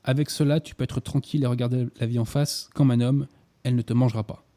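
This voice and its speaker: A gentle older brother speaks with quiet tenderness, read aloud by a man. The tone is deep, dark and mellow, soft as though the voice trembles a little. It is a plain reading from a novel, with little acting. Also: steady tone, fast talker, close to an everyday voice. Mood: tender.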